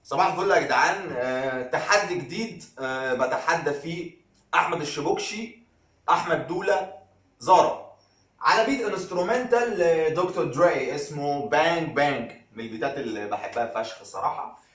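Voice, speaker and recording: A man's voice: a little high, animated, brisk, fairly bright tone, echoey room, recorded from a distance. A man with an Egyptian accent, a rapper and vlogger chatting loosely in slang between rap takes. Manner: loose, slangy, laid-back talk. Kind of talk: casual chat between freestyle rap takes.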